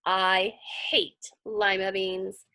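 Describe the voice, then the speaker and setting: Her pitch is medium and her delivery flat, with drawn-out words and a pushed, bright quality. This woman reads a children's story in an animated, expressive way, punctuating it with dramatic emphasis and chatty asides.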